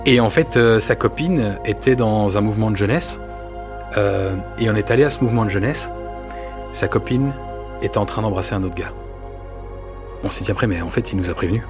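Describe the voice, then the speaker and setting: A man, telling personal stories in an earnest, halting way with many fillers. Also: on the low side, music in the background. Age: 40s. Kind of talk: casual testimony.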